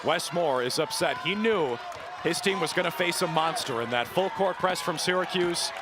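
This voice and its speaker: This early-twenties male sportscaster calls play-by-play and gives sports reports at a moderate pace, his fairly high voice full of lively intonation. Venue noise comes through clearly in the background.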